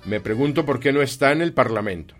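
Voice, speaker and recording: A man voicing a grumpy, miserly old moneylender in an audiobook, gruff, curt and scornful. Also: mid-range voice, animated, fast, fairly bright tone, soft background music, pitched above the performer's own voice, lightly acted. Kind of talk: audiobook reading.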